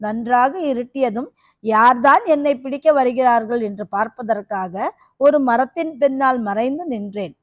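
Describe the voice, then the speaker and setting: A woman's voice: a little high, moderate pace, no echo, dull audio, natural voice. A woman doing a harsh-voiced fearsome kapalika woman. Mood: dramatic. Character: fearsome female kapalika, once beautiful, half-crazed.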